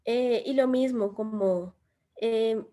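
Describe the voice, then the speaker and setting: A middle-aged woman leads a job-skills workshop. Her voice sits slightly high, and she speaks in an animated, expressive way, often turning questions to the group. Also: slow. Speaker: employability workshop trainer and former recruiter. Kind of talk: lively instructional talk to a class.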